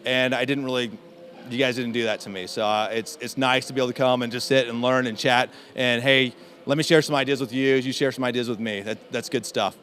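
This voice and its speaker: A man talking as an interview guest in a casual conference chat, with many fillers and halting restarts. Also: mid-range voice, fairly even intonation, fairly bright tone. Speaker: interview guest, in-house SEO specialist.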